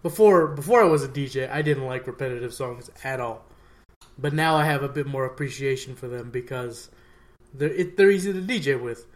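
A man's voice: mid-range voice, a little fast. Stammering man in casual podcast chat. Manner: stammering restarts, laughs often. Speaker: podcast co-host.

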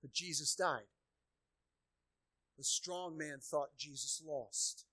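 A pastor preaching a sermon, who repeats key phrases and swings between hushed low passages and loud emphatic peaks. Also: male voice, slow, breathy edge, no echo. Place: church sanctuary.

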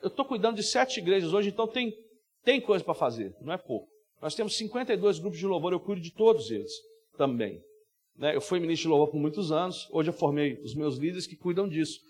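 A man preaching an animated sermon as a guest preacher, often acting out voices. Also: a little high, fast. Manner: animated, with many acted-out voices. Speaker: guest preacher and worship minister.

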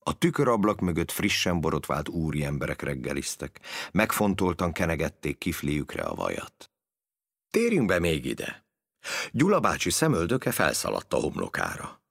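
A man hosting a podcast, reading literary prose aloud in a measured storytelling manner. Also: rumbling low, huge pitch swings, creaky, fairly bright tone, slightly rough, no room sound, clean studio sound. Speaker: podcast host.

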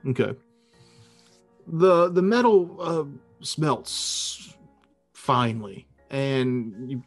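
A man narrating a tabletop fantasy game as game master, improvising in a halting way with dramatic pauses. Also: mid-range voice.

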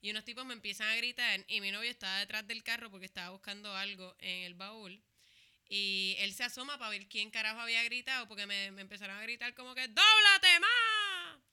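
A woman's voice: medium pitch, steady tone, fast talker, pushed and bright, clear, resonant tone. A young woman with a Puerto Rican Spanish accent, telling a casual anecdote as a podcast co-host. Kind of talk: casual chat.

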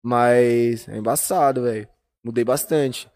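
A man's voice: medium pitch, steady tone, a little slow, darkish tone, no echo, clean studio sound. A young man from the São Paulo region, chatting on a podcast in slangy street talk. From São Paulo region, Brazil. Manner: slangy, fills with "mano" and "velho". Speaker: podcast guest, musician. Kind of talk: casual chat.

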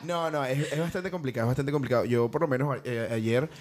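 Fast-talking joking man. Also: mid-range voice. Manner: fast, joking, animated storyteller with slangy asides. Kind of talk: casual chat.

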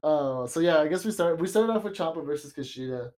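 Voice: mid-range voice, expressive, quick pace, a little mellow. Co-host recording inside a small closet, casual rambling wrestling recap, loose and chatty. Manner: loose and rambling, with frequent fillers and laughs. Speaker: podcast co-host. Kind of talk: casual wrestling show review chat.

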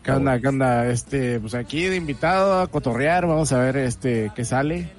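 A man's voice: mid-range voice, lively intonation, moderate pace, soft background music. A man with a Mexican accent chatting casually as a guest, slangy and laid-back. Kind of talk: casual chat.

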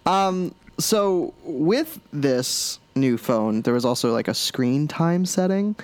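A man's voice: fairly high pitch, animated, takes it slowly, a little mellow, no room sound. A man hosting a casual podcast chat, joking at his own expense and swearing freely. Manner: self-mocking, swears casually. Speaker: podcast host.

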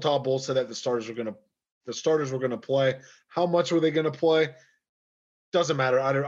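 A man's voice: medium pitch, muffled recording. A man hosting a casual sports podcast, loose and emphatic as he runs through the games. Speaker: podcast host.

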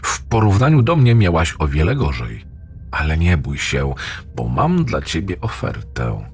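A man voicing a gloating, crude male AI demon in a horror story reading, with a rough, mocking voice. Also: a little slow, faint music behind, heavily acted. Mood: menacing. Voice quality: rough, ugly, abusive voice. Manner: taunting, lewd, lively pitch swings.

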